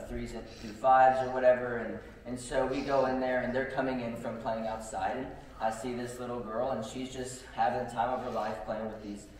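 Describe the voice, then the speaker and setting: A young man preaches in a relaxed, chatty way, filling his sentences with ums and likes as he tells stories. His voice rings through a very reverberant church hall and is picked up from some distance. A faint room hum sits behind him. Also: mid-range voice. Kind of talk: casual storytelling sermon. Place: church sanctuary.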